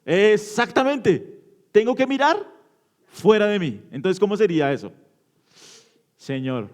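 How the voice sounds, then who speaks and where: A man preaching an interactive sermon in a church, asking the congregation questions and answering them, shifting from loud emphatic bursts to low quiet endings. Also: expressive, a little slow. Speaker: pastor.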